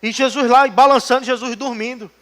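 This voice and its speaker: A man's voice: very high-pitched, fairly even intonation, brisk, fairly bright tone. A male pastor, preaching a sermon in a church and telling jokey stories, acting out the people he quotes. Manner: joking storytelling, acts out quotes. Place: church hall.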